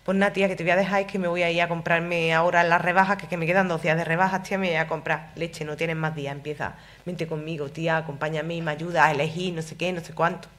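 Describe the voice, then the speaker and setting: A woman's voice: fairly low pitch, fairly even intonation, fast talker, few pauses, fairly bright tone, lightly acted. A woman voicing a controlling, sulky teenage boy who talks in whiny, guilt-tripping slang. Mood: pleading.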